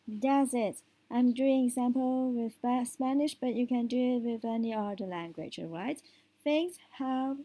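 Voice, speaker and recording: A woman teaching English speaking tips, explaining step by step and often checking in with a quick question. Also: on the high side, warm tone, low-quality recording. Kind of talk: spoken language lesson.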